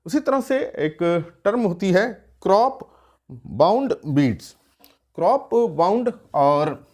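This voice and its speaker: Higher-voiced man teaching an agriculture lesson. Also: a little mellow. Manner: explanatory, with frequent "uh" fillers and rhetorical questions. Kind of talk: exam-prep lecture.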